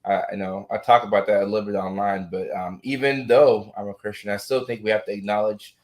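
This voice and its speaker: With a fairly low, darkish voice and level tone, this live talk show host speaks a little fast. His interview chat is casual and supportive, full of effusive validation. A strain in his voice points to vocal trouble.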